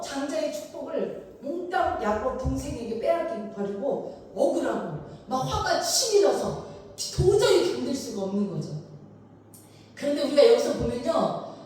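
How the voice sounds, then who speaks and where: A woman pastor delivers a sermon, high-pitched and swinging widely in tone as she acts out voices in her story. She is heard from a distance in a big church hall with a long, booming echo. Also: a little hiss or hum. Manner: animated storytelling, acting out quoted lines with big pitch swings. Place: church sanctuary. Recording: echoey hall picked up from far off.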